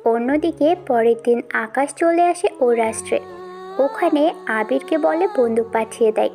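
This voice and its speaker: A woman narrating a dramatized audio story in a steady storytelling way. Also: high-pitched, moderate pace, soft background music.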